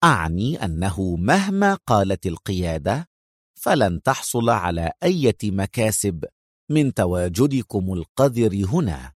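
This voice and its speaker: A man's voice: on the low side, big pitch swings, dry recording, studio quality, voice pushed down. Man putting on a cold sneering general. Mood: mocking. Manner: sarcastic, slow, menacing. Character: cold mocking male general, calm and menacing.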